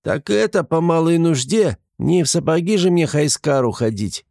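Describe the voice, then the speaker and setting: A man voicing a small, simple-hearted male creature who talks in an excitable, touchy way, reading an audiobook. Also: vocal fry, dry recording, studio quality. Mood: excited. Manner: squeaky, excitable, quick to take offense.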